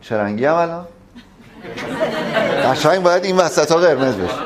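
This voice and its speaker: A man's voice: a little high, lively intonation, a loud crowd. A man teaching public speaking at a live workshop, emphatic and addressing the audience directly.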